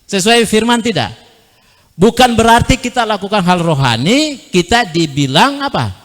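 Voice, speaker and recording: A male pastor, preaching an animated sermon, acting out dialogue and asking the congregation rhetorical questions. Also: sits high, normal speed, long reverb tail.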